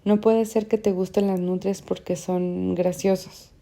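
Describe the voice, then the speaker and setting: Blunt frustrated young guy pushing with questions, woman reading him, dark low-key voice, audiobook. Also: level tone, measured pace, gravelly. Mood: accusing. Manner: insistent, questioning.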